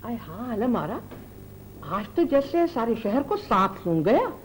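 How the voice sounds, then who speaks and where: A sly older aunt who teases, laughs and cheats at games. Her voice rides high and swoops animatedly. A faint hiss from an old TV soundtrack sits beneath her. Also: sing-song, poor audio. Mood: teasing. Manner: playful and teasing, quick to laugh. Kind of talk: 1980s TV drama acting. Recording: old TV drama audio, light noise.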